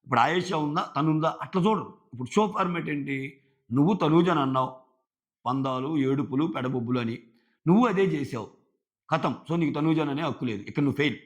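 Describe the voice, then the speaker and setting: A man with a slightly high voice gives a casual, conversational show review. He retells scenes in an easy talking style, quoting what the contestants said. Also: brisk, highs cut off.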